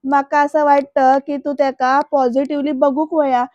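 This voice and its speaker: Woman playing a teasing young girlfriend, brisk and emphatic, high voice, dry dull sound. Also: level tone, darkish tone, no room sound, natural voice.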